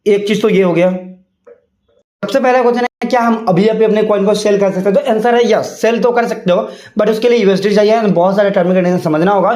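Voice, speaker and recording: Quick guy explaining crypto stuff, keeps saying fillers, echoey room. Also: sits high, fairly even intonation, a little mellow. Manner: chatty, repeats "ठीक है" and "यहाँ पे". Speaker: crypto YouTuber. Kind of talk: casual explainer vlog.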